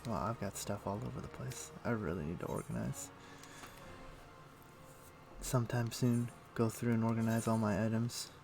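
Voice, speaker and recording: A man hosts a casual gaming livestream over music, rambling and thinking aloud with mild, old-fashioned turns of phrase. His gravelly voice is fairly low and moves at a normal speed.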